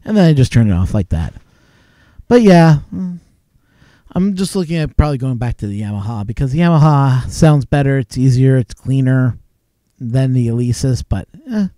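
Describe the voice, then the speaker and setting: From a gear-crowded home desk, this Canadian host rambles and chuckles through a casual late-night live stream. His mid-range voice is dark with lively intonation at a moderate pace, and the desk mic and mixer give a clean studio sound with no echo.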